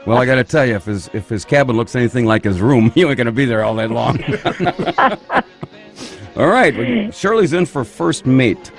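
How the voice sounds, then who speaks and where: A man's voice: mid-range voice, lively intonation, moderate pace, soft background music. A man hosting a radio show, wisecracking through a string of one-liners and laughing at his own jokes. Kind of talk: joking radio banter.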